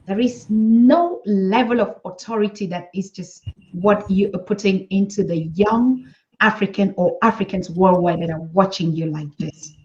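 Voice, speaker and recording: A woman's voice: medium pitch, normal speed, a little mellow, highs cut off. A woman hosting a live online interview, asking questions in an effusive, supportive way. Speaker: host.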